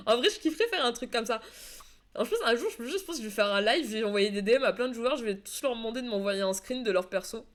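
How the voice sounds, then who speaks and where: Speaking quickly in a slightly high, animated voice, this woman streams a football video game match, casting it and chatting loosely with her viewers. She uses plenty of fillers and often restarts her sentences.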